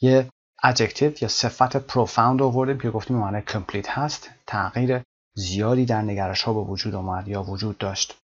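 A man teaching an English vocabulary lesson, explaining words one by one and reading English example sentences slowly and carefully. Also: lowish voice, fairly even intonation, breathy edge, dull audio.

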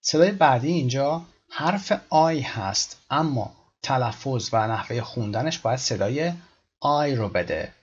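A man teaching English pronunciation, patiently repeating words slowly to demonstrate. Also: medium pitch, animated, husky, muffled recording. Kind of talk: explaining pronunciation in a lesson.

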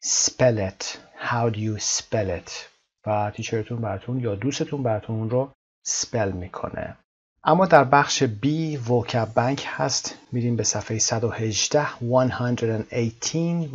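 A man teaching an English lesson from a textbook, explaining quickly and slowing right down to model each word. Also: mid-range voice, slightly rough. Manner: switches between fast explanation and slow, drawn-out model words. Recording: dull lo-fi recording.

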